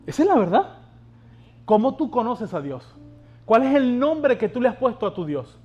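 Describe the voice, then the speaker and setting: A man's voice: very high voice, sing-song, normal speed, warm tone, muffled recording, soft background music. A male pastor preaching a sermon, urging the congregation on and asking them rhetorical questions.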